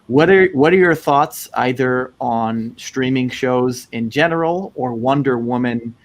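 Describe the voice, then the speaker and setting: A man hosting a casual conversation, relaxed, asking open questions. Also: medium pitch, a little slow. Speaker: host.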